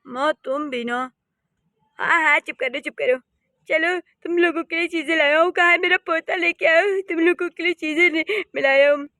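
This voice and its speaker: A woman's voice: extremely high pitch, normal speed, sharp tone, no echo, studio quality. A woman voicing a grown son in a cartoon, who placates his mother and explains. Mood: placating. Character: adult son caught between mother and wife.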